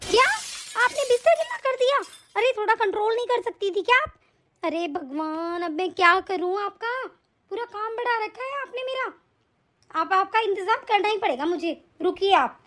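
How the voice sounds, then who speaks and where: A woman voicing a cruel young daughter-in-law and mother in an animated story, speaking in a sharp, nagging, scolding way. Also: very high-pitched, normal speed. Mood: harsh.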